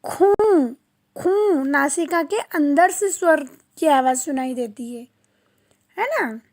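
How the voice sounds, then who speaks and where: Slow, high-voiced woman teacher. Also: darkish tone, no room sound, studio quality. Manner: slow, drawn-out syllable-by-syllable pronunciation; asks the class questions and answers them herself. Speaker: primary school teacher. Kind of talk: online class lesson.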